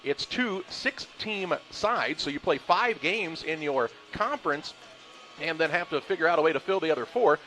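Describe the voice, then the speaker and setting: Higher-voiced man hosting a sports pregame. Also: lively intonation, normal speed, pushed and bright, faint music behind, poor audio. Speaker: play-by-play host. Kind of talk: live sports pregame commentary.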